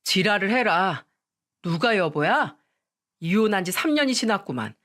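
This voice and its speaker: A woman's voice: mid-range voice, animated, normal speed, a bit bright, close to an everyday voice. A woman voicing an angry divorced man who scolds curtly in a story radio reading. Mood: scornful. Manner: scolding, curt.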